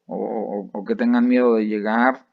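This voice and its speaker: Gravelly Mexican man lecturing. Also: on the low side, flat delivery, normal speed, dry recording. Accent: Mexican Spanish. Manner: conversational, many fillers and restarts, asks students rhetorical questions. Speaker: methodology lecturer. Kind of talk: recorded thesis methodology lecture. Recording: dry, dull lo-fi recording.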